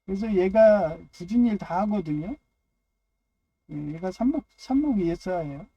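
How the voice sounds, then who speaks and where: A man's voice: high voice, expressive, moderate pace, warm tone. A man giving a loose, rambling personal monologue on faith and family, dropping frequent "yes" fillers between phrases. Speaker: speaker of a personal religious talk.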